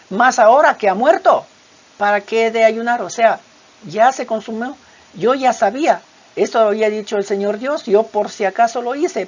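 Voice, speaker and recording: Una mujer que predica un sermón, con voz ronca, leyendo pasajes bíblicos con expresividad y muletillas entre ideas. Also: female voice, mid-range voice, husky. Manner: expressive Bible reading with dramatic voiced quotes; hesitant fillers between points. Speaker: preacher. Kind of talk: sermon. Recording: dull lo-fi recording.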